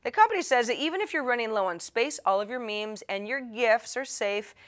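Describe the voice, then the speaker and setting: Hosting a tech tips show, a woman chats with her audience in a playful, wry manner that mixes scripted lines with casual talk. Her voice sits on the high side, expressive and fairly quick.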